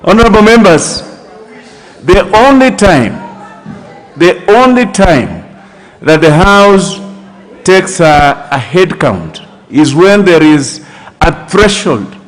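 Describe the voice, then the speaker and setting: High-pitched man presiding in an echoing chamber. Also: very animated. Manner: calling order, authoritative; deliberate, repeats phrases for emphasis. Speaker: parliamentary chair presiding over debate. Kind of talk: formal procedural address from the chair. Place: large indoor legislative chamber. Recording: echoey parliament chamber with long reverb.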